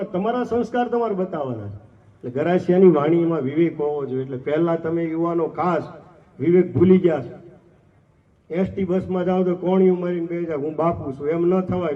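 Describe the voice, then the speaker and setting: A man's voice: on the high side, a little fast. A man giving an impassioned festival sermon as an ashram trustee, exhorting his listeners with rhetorical questions and acting out quoted voices. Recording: distant voice on a tinny phone-like line.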